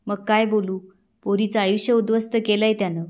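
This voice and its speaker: A woman's voice: mid-range voice, flat delivery, brisk, a little mellow, lightly acted. A woman reading the lines of a stern, angry elderly village father who scolds in rural speech. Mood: scolding.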